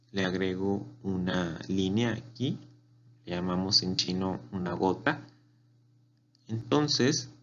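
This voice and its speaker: A man's voice: low voice, a bit bright. A man teaching a beginner language class, patiently repeating words for learners to copy. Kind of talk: slow spoken language lesson. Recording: dull lo-fi recording with faint hum.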